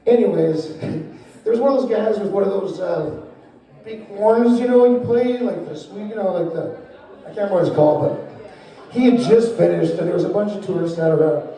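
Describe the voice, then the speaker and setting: Hesitant amateur comic, high-pitched man, very echoey. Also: normal speed, mellow. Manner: hesitant, unrehearsed, loses his thread. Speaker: amateur open-mic comedian. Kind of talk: rambling stand-up storytelling. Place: echoey indoor open-mic venue. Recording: very echoey room, distant microphone, muffled.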